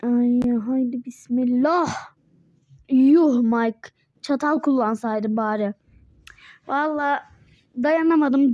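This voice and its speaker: A woman's voice: high-pitched, dark tone, no room sound, dull audio. A young female player doing casual, playful role-play chat in a mobile game. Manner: chatty, playful, quick back-and-forth. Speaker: Toca Life roleplay player voicing Mike.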